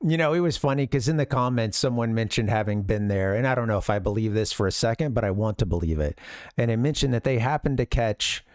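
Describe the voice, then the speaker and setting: A man hosts a live stream, casually commenting on an old demo video in a rambling way, often interrupting and restarting his sentences and chuckling. His medium-pitched voice moves at a quick pace, and the studio-quality recording has no room sound.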